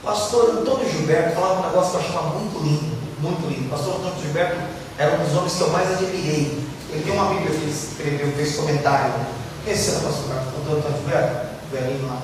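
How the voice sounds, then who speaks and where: A male pastor preaching a sermon, acting out Bible figures and swinging between loud and hushed delivery. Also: on the high side, fast, background noise. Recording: echoey hall, voice from far off.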